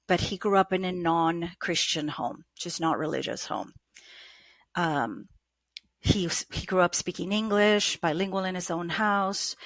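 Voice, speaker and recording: A woman's voice: on the low side, a bit bright, no room sound. A woman from Argentina, telling her story as a podcast guest in a chatty way, with frequent ums and restarts. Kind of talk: casual interview storytelling.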